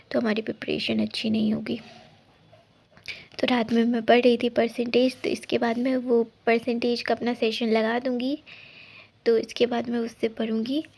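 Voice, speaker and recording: A woman's voice: on the high side, vocal fry, a little mellow. A young woman in a casual study vlog, explaining her exam study plan in a rambling way with many restarts and advising her viewers directly. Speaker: exam aspirant vlogger.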